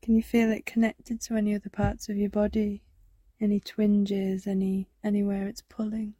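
A woman guiding a body scan meditation, speaking softly and soothingly, often slipping into a whisper. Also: medium pitch, monotone, no echo. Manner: slow, soft, soothing, drifting into whispers. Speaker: meditation guide.

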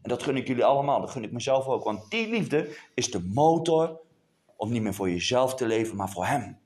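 Lively-voiced male preacher. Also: mid-range voice, a little fast. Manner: passionate, swings from hushed to raised. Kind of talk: sermon. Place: church hall before a congregation.

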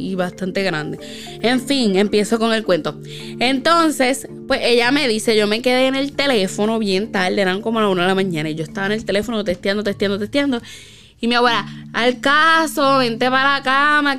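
A woman casually telling a spooky personal story, with lots of fillers and tag questions. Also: mid-range voice.

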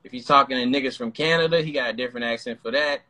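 Bright-voiced profane podcast man. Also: medium pitch, rapid-fire. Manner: loud, profane, emphatic. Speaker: podcast co-host. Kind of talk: casual chat.

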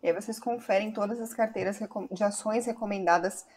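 A woman's voice: mid-range voice, steady tone, a little fast, darkish tone, a little hiss or hum. A woman hosting a live stream, friendly, pointing viewers to the site and passing on their questions. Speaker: host.

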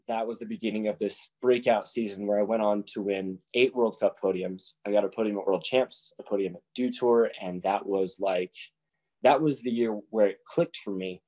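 Young man, low warm voice, casual personal story, animated quoting of others. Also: moderate pace, poor audio. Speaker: para snowboarder telling his story.

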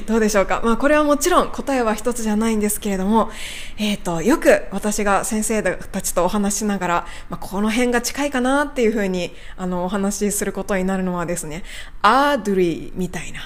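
Polite woman coaching pronunciation. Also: medium pitch. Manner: polite and explanatory, repeating words slowly. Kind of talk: educational radio lesson.

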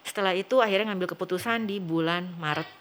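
Fast-talking woman telling her story. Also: fairly low pitch, a little hiss or hum. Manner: animated, acts out quoted dialogue. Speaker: interview guest. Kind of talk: personal storytelling in conversation.

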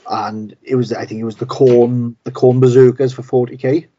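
Brief: middle-aged podcast host, mellow husky voice, easygoing banter. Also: male voice, medium pitch, flat delivery, moderate pace. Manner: laid-back, swears casually, laughs often. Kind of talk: casual chat. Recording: dull lo-fi sound.

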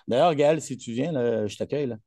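A man's voice: medium pitch, a little fast, mellow, no echo. A man with a Québécois accent, a coach chatting in an interview, boastful and rambling with many fillers. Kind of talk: casual interview chat.

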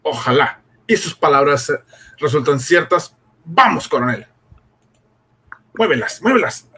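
A male actor playing an authoritative army general with a husky, commanding delivery in an old radio drama. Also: fairly high pitch, sing-song, unhurried, bright, forceful tone, exaggerated voice.

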